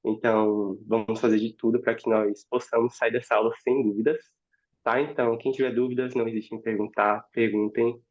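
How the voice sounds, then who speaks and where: A man's voice: mid-range voice, flat delivery, a little fast, lo-fi sound. A man hosting an online class, encouraging and checking in with listeners often, with a cold affecting his voice. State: has a cold, voice may crack. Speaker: class instructor. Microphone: video call.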